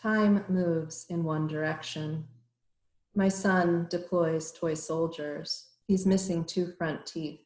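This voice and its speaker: Slow, low-voiced woman reading poems. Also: fairly even intonation, a little mellow. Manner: measured, hesitant introductions with many fillers. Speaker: poet. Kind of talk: poetry reading with short introductions. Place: home room on a virtual reading call. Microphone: computer mic on a video call. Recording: roomy echo.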